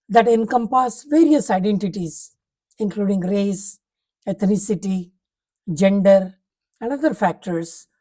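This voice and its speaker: A woman reading a prepared talk aloud, setting out numbered points in a measured, formal way. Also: medium pitch, mellow, breathy edge, low-quality recording.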